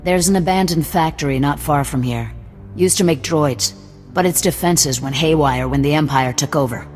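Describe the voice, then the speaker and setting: This game cutscene features an actor as a hard, distrustful male rebel leader fitted with cybernetic implants, heading a resistance cell. His slightly high, natural voice keeps a moderate pace over faint music, delivered in a hostile, gruff, curt and threatening way.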